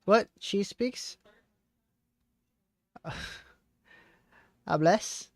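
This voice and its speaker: A man's voice: high voice, very slow, no echo. Guy vlogging his spanish practice, unsure, pokes fun at himself, dry sound. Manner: hesitant, self-mocking, laughs at his slips. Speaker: language learner vlogger. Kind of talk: casual thinking aloud while studying.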